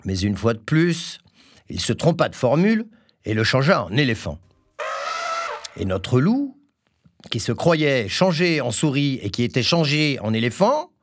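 Animated, husky storybook narrator. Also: medium pitch, no room sound, studio quality. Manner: animated, expressive.

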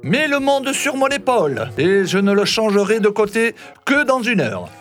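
A man's voice: sits high, sing-song, normal speed, fairly bright tone, soft background music, pitched above the performer's own voice. A man voicing a small, boastful, cunning tailor in a storybook reading, teasing and cocky.

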